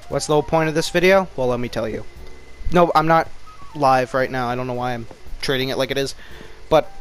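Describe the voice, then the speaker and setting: A man giving casual commentary over his own gameplay, rambling and mocking himself, jittery from too much caffeine. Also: mid-range voice. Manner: rambling, self-mocking talk. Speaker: gaming YouTuber.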